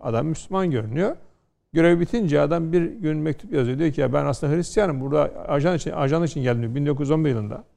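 Gravelly-voiced man lecturing, dark tone. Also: fairly high pitch, animated, fast talker. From Turkey, Konya. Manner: lecturing, storytelling with rhetorical questions. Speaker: law scholar guest. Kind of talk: studio panel discussion.

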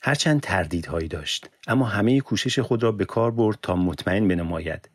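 Male audiobook narrator, very deep, steady measured delivery, dry studio read. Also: no room sound. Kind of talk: scripted narration.

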